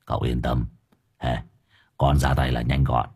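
A man voicing a gruff, coarse henchman who grumbles and curses in a deep, dropped voice. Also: little pitch movement, measured pace, darkish tone, heavily acted.

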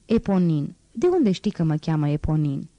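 A woman's voice: low voice, big pitch swings, dark tone, no echo, muffled recording. A woman reading an audiobook, voicing a teasing, wistful poor young street girl in a lightly raised voice.

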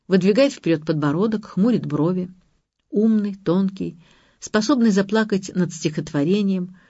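A woman narrates a first-person audiobook in an emotional, confessional way. Her voice is low and warm. The recording is close and dry, with a slightly dull tone. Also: no echo.

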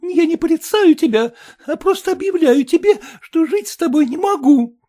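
With an animated delivery, dark tone, and moderate pace, a woman performs an audiobook role as a young wife in tears. The character sobs, accuses, and sounds high-strung, full of tearful reproach.

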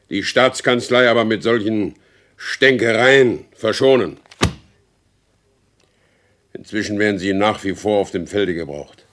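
In a radio drama, a male actor plays a proud, stubborn horse dealer who has been wronged, speaking in formal, insistent, old-fashioned language. His voice is lowish and close to an everyday voice.

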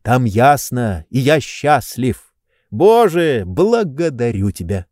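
Brief: male reader doing an idle, soft-hearted gentleman, slow and emotional, pitch rising and falling a lot, dry close sound. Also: very animated, dry recording. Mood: joyful. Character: dreamy idle gentleman, overjoyed and tearful.

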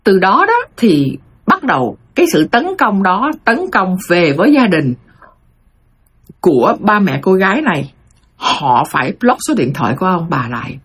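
Middle-aged woman host, husky voice, animated story monologue, addresses the audience directly. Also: fairly low pitch, moderate pace. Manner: addresses audience as "thưa quý vị", animated retelling. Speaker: host retelling listeners' life stories.

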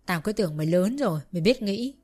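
A woman voicing an angry old father-in-law who shouts harsh scolding at his son. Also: mid-range voice, animated, quick pace, natural voice. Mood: furious.

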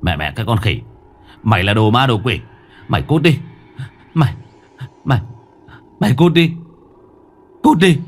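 A scared young man who stammers and repeats himself, his voice turning into raw shouted threats, as a male narrator acts him out. The voice is low and swings widely in pitch, with faint music behind. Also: expressive, measured pace. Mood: furious shouting. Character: frightened young man guarding his home.

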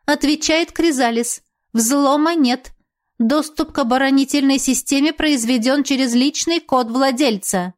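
A woman's voice: sits high, measured pace, voice pushed up. A woman voicing the formal computer aboard a spaceship, making clipped alert announcements in a science fiction audiobook. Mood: formal report.

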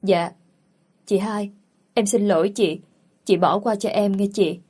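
A woman voicing a proud, heartbroken eighteen-year-old girl in a storybook reading, speaking in a quiet, pleading way with a husky voice. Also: mid-range voice, steady tone, unhurried, lightly acted.

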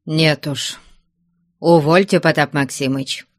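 A meek young believer answers in sighs and hushed protests, as a male narrator acts him out. The delivery is slow and sits dry and close to the mic. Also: fairly high pitch, steady tone, dry recording. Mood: pleading. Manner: sighing, half-whispered. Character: meek pious young man, timid.

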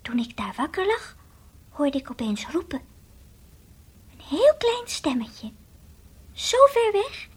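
A woman's voice: sing-song, normal speed, husky, full character voice. A woman voicing a timid, childlike toy dog in an old radio play, earnest and confiding, sometimes whispering. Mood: hushed. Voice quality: high childlike voice, drops to whispers. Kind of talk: 1960s radio drama acting.

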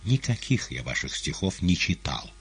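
Audiobook: a man doing a husky, twitchy, fastidious patient, whispery and pleading. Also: low-pitched, very animated, exaggerated voice. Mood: fretful. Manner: anxious, pleading, drops to a whisper. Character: nervous, gentle, fastidious male hospital patient.

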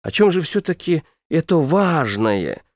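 Male audiobook narrator, ironic and declamatory first-person reading, animated pitch, dry close sound. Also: measured pace, no echo.

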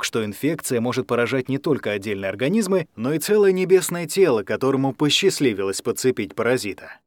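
Male audiobook narrator, mid voice, measured scripted reading, dry studio. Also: medium pitch, no echo. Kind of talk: scripted narration of a science fiction story.

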